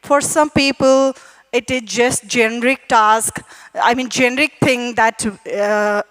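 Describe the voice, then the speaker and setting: Female conference presenter, higher register, relaxed talk full of fillers. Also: slow, low-quality recording. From Nepal. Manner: friendly, chatty, with frequent fillers. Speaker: conference speaker. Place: conference hall.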